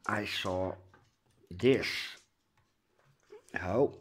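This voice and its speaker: Speaking extremely slowly in a low voice, a Dutch man who vlogs about growing orchids chats casually from his home. His congested, slightly stuffy delivery is hesitant and full of uh's.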